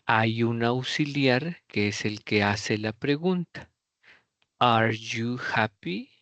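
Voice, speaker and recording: A middle-aged man gives an online English lesson, talking slowly and carefully as he models how questions rise and fall. His voice sits at an ordinary pitch. It comes through a computer mic on a video call, close and dry with no room sound. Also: no room sound. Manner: slow, explanatory, modelling question intonation. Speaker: English teacher. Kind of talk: online class lecture.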